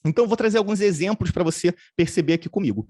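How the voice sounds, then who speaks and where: Man, customer service trainer, fairly high voice, dry close sound, explanatory, tag questions. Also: racing, a little mellow, no echo. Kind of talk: remote training lecture.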